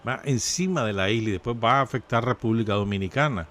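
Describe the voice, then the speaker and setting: A man's voice: medium pitch, fast, a bit bright. A man with a Nicaraguan Spanish accent, co-hosting a radio show in unscripted current-affairs chat.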